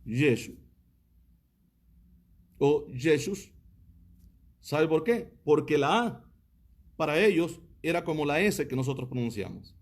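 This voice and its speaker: A man's voice: on the high side, expressive, a little slow. A man, a pastor giving a livestreamed teaching sermon, reading viewer comments and asking his audience one rhetorical question after another.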